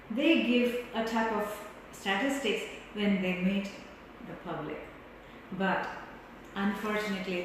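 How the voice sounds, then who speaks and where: A woman coaching public speaking in an instructional talk, with an emphatic, projected, deliberate delivery and non-native English phrasing. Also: mid-range voice. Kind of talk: instructional talk on giving speeches. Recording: very echoey hall, distant mic, faint noise.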